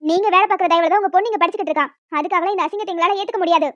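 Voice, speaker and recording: A performer voicing a stern, snobbish schoolteacher in a cartoon, cold and haughty. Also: female voice, very high-pitched, very fast, fairly bright tone, no room sound. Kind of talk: cartoon voice acting. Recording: dull lo-fi dry recording.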